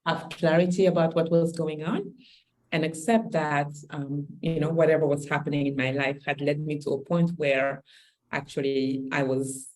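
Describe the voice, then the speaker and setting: A woman from Senegal, co-hosting a podcast, talking candidly and reflectively in relaxed conversation, often restarting her phrases. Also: low voice, normal speed, rough recording. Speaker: podcast co-host.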